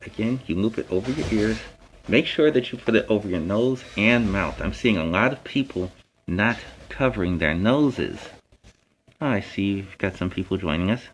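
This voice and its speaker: Speaking at a normal speed in a fairly low voice, this costumed story time host talks casually to his stream viewers about public safety, earnest, direct, and emphatic. The recording is rough, and a steady background noise is clearly audible.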